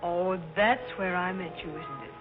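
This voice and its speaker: An actress playing a haughty, spoiled young socialite trading imperious screwball comedy banter in a 1930s film style. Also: female voice, on the low side, normal speed, close to an everyday voice. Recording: dull old film soundtrack, music behind.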